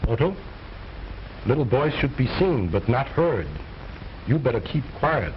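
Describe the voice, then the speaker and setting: Stuffy old-movie ventriloquist, formal and exasperated, mid voice, dull soundtrack w/ a bit of hiss. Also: male voice, medium pitch, very animated, a little slow. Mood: scolding. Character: pompous male stage ventriloquist, exasperated straight man. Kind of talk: old film stage-act patter. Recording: muffled old film soundtrack, faint noise.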